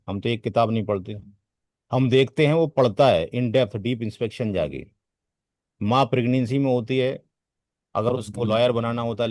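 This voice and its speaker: A man teaching a networking class, speaking at a medium pitch for a man. He drifts off topic, repeats words to drive a point home and throws rhetorical questions at his students. The recording is dry and close. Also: darkish tone, dry recording. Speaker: networking trainer. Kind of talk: classroom lecture.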